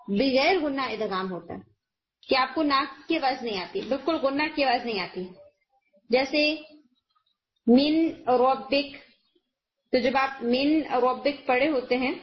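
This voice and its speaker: A woman teacher giving a recorded lesson on recitation rules, explaining patiently step by step and slowing down to demonstrate each sound. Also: high-pitched. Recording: muffled lo-fi recording.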